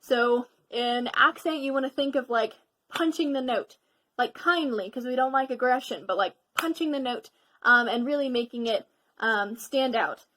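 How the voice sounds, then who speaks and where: A woman's voice: on the high side, normal speed, fairly bright tone, slight background noise. A teenage girl giving a casual violin section lesson, chatty and encouraging, with lots of ums. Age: teens. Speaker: student violin teacher.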